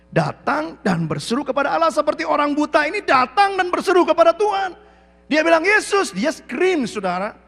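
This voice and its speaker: A man preaching a sermon as pastor, animated, acting out the quotes, sometimes shouting, and mixing English phrases into his talk. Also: extremely high pitch, creaky. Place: church hall. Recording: echoey church hall.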